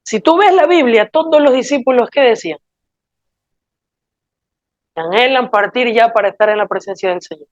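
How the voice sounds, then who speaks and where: Woman preacher, fairly high voice, earnest and pleading, dull dry recording. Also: normal speed, pauses often, no echo. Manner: earnest, pleading, asks rhetorical questions. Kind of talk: sermon.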